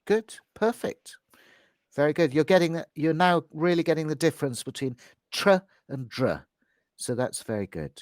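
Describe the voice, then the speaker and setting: British male pronunciation coach, slightly high-pitched. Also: expressive, normal speed, no room sound, studio quality. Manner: encouraging, instructive, demonstrates sounds carefully. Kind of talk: one-to-one spoken pronunciation lesson, modern British accent.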